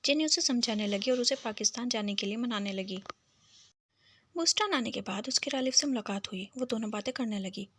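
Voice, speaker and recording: A woman's voice: a little high, brisk, a bit bright, breathy edge. A woman with a Pakistani Urdu accent reading a romance novel aloud with emotion, giving each character her own tone. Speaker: audiobook narrator.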